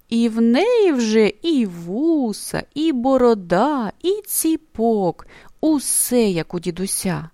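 A woman reading a children's story aloud in an expressive manner, often dropping into soft, hushed passages. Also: fairly high pitch, no room sound, clean studio sound.

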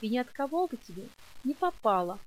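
A woman's voice: fairly high pitch, sing-song, fairly quick, rough recording. A woman reading an audiobook and voicing a willful, defiant young girl who explains herself with stubborn childish logic.

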